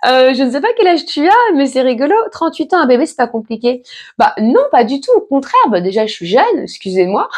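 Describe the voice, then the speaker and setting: Her high, darkish voice swinging widely in pitch, a pregnant woman in her late thirties talks fairly fast as a vlogger responding to viewer questions. The chat is casual and reassuring, full of fillers and restarts.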